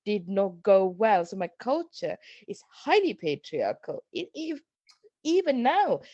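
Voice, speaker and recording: A middle-aged woman from Sri Lanka talks as a podcast guest, earnest and reflective, circling back and repeating words as she thinks. Her voice sits at an ordinary middle pitch for a woman. The sound is close and dry, with no room around it. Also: very animated, measured pace, mellow, dry recording, dull audio. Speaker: guest, parenting coach. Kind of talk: podcast interview.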